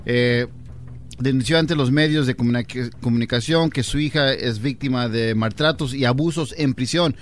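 A man's voice: mid-range voice, slight background noise. Man reporting news on a radio show. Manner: halting news reporting with fillers.

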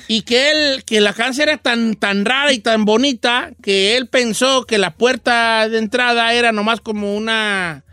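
A man hosting a radio show, telling a funny story in an animated way and acting out the voices of its people. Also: very high-pitched, unhurried, hardly any pauses, no echo. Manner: animated, acts out voices in the story, laughs often. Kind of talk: comic storytelling chat.

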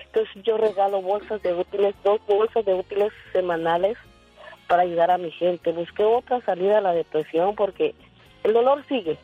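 A woman's voice: medium pitch, normal speed, husky, dry recording, faint music behind. A woman calling in to a radio show, sharing earnest, heartfelt advice. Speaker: caller. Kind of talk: phone-in testimony. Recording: tinny dry phone line.

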